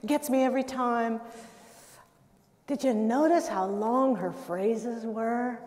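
Older woman, public lecture, mellow voice, long reverb from a big hall. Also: on the high side, slow pace. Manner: conversational, with laughs and self-interruptions. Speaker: guest lecturer on music.

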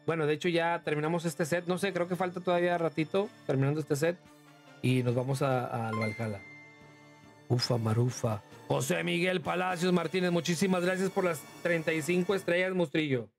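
A talkative man with a Mexican accent streams a game and chats with viewers, his voice sitting a little high. He calls them "monstruo" as he thanks them, while faint music plays behind him. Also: a little fast, vocal fry. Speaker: livestreamer. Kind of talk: casual livestream gaming commentary.

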